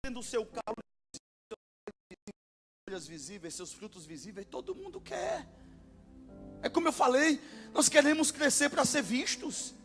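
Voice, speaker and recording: A male pastor with a Brazilian Portuguese accent delivers an impassioned sermon. His voice sits very high and rings bright and sharp, and he often breaks into shouted exclamations over faint music. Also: lively intonation, normal speed, pauses often.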